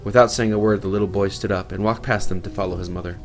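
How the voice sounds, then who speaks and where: A man's voice: on the low side, fairly even intonation, fast talker, soft background music. A man reading his own fantasy novel aloud in a dramatic narration style. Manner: dramatic, swelling on violent moments. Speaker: author narrator.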